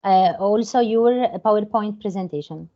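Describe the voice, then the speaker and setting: A woman moderating an online conference, patiently guiding a speaker through screen sharing, halting and restarting now and then. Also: medium pitch. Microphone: video call. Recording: dull lo-fi video call audio.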